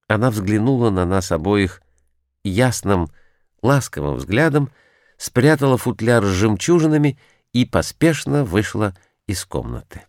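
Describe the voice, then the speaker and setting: A man reads a classic detective novel aloud in a measured, clearly articulated way. His voice sits low but moves with lively intonation. The sound is dry and close. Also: no room sound. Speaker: audiobook narrator. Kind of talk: scripted literary narration.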